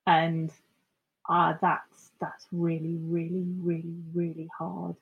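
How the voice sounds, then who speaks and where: Reflective woman, low and breathy. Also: completely flat delivery, phone-quality sound. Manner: warm agreeing backchannel, reflective and measured. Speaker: podcast co-host. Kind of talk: casual chat.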